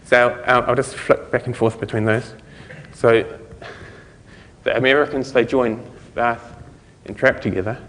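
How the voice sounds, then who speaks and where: A man's voice: mid-range voice, fairly even intonation, unhurried, a bit bright, big-room sound, slight background noise. A man giving a conversational conference talk, explaining things step by step. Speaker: conference speaker.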